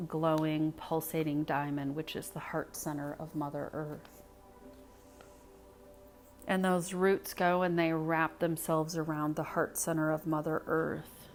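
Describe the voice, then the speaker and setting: In a low voice, a woman guides a meditation, speaking soothingly and without hurry, phrase by phrase with pauses in between. Music plays in the background.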